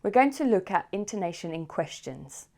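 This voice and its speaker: A woman teaching a beginner English lesson with a clear, deliberate delivery, acting out example questions with exaggerated intonation. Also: on the low side, animated, a little mellow.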